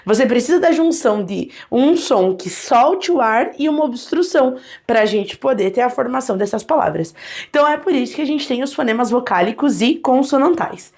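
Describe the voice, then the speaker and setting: A woman's voice: fairly high pitch, normal speed. A woman teaching a Portuguese grammar lesson, talking straight to viewers and sounding out vowels and consonants for them to repeat. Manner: lively, addresses viewers directly, models sounds aloud.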